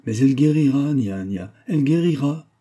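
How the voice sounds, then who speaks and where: A man reading aloud and voicing a devoted young fiancé who speaks softly and pleads. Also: medium pitch, animated, moderate pace, voice pushed up, natural voice. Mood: pleading.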